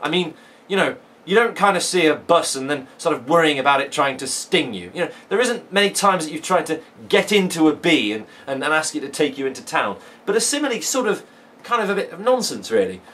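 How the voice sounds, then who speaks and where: A man's voice: a little high, very animated, a little fast, fairly bright tone, slight background noise. A man teaching a poetry lesson from home, chatty and enthusiastic, with plenty of fillers and restarts. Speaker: English teacher. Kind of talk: casual video lesson. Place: living room at home.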